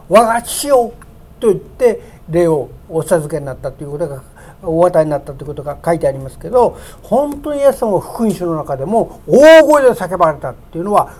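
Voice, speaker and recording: A pastor preaching a sermon, building to emphatic raised peaks on key words and slowing down to read scripture aloud, in a church sanctuary. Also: medium pitch, warm tone.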